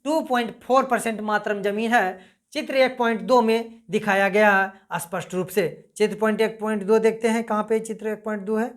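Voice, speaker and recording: A woman's voice: mid-range voice, steady tone, normal speed. A woman teaching a geography lesson, repeating points and quizzing her listeners as she goes. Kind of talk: casual classroom-style lesson.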